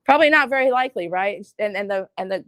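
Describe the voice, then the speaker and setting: A woman's voice: mid-range voice, animated, fast talker, a bit bright, no room sound. A middle-aged woman from the United States giving a live workshop talk in a classroom, telling stories, quoting people in put-on voices and asking the audience questions. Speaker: workshop presenter.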